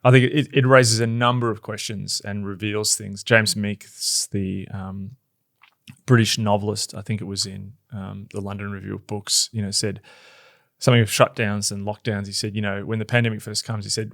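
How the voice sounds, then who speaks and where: A man's voice: fairly low pitch, level tone, normal speed, vocal fry, fairly bright tone, dry recording, studio quality. A man co-hosting a podcast, chatting loosely with many restarts and fillers. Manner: rambling, many you-knows and restarts. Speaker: podcast co-host. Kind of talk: casual chat.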